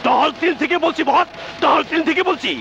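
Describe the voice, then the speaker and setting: A man playing a gang lookout who reports over a walkie-talkie radio in quick, urgent bursts. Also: very high-pitched, creaky, heavily acted. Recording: dull lo-fi film audio with loud music.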